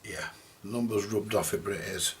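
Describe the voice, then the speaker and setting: This man hosts a repair video, offering casual, hands-on workshop commentary. His voice sits on the low side, and he's chatty but halting as he thinks out loud.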